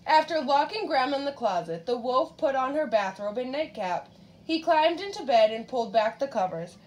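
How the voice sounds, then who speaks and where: A woman's voice: high voice, moderate pace, rough recording. A woman reading a storybook to a child. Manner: animated, asks the child questions. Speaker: reader. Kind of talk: reading a picture book aloud to a child.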